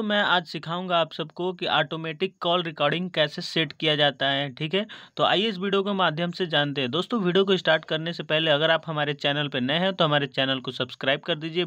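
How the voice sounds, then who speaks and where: Speaking fairly quickly in a slightly high, sharp-toned voice, an Indian-accented host guides viewers through a phone tutorial one step at a time. He repeatedly asks whether they're following and calls them friends. No echo is present.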